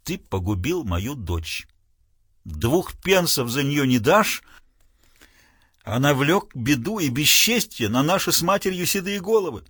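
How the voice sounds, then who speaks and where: A blustering older lord and furious father, frantic and theatrical, swinging from loud wailing to hushed threats, as a man puts him on. His voice climbs and drops across a wide range. The sound is dry and close. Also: a little high, big pitch swings, measured pace, slightly rough, no room sound, heavily acted. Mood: menacing.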